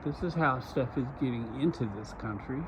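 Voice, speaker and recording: This vlogger from Arizona speaks at normal speed in a mid-range voice, pressing his point urgently, repeating himself with emphasis. He's filming outdoors beside a road, and the lo-fi audio is full of loud outdoor noise.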